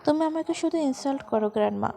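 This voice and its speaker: A woman's voice: high voice, fast, vocal fry, mellow. A woman reading the lines of a playful, teasing young grandson in a storybook tale, with a joking, cheeky manner.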